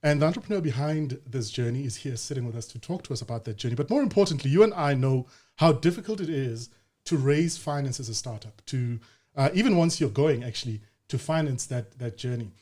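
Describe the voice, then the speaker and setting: A man in his thirties hosts a business podcast. He talks at a rapid clip with a mid-range voice, and he speaks straight to his audience in an upbeat, energetic way. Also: medium pitch. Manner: energetic, direct address to the audience. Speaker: podcast host. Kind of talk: podcast interview.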